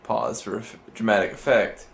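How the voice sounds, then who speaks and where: A man's voice: on the low side, flat delivery, moderate pace, creaky. A man co-hosting a podcast, chatting casually and tossing in wry jokes. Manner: joking, wry quips. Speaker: podcast co-host. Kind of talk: casual chat. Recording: roomy echo.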